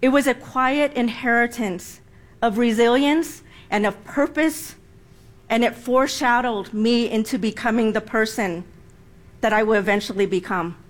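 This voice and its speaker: Here a woman in her forties, originally from Vietnam and a native Vietnamese speaker, reads out a prepared personal speech. Her delivery is slow and emphatic, pitched a little high.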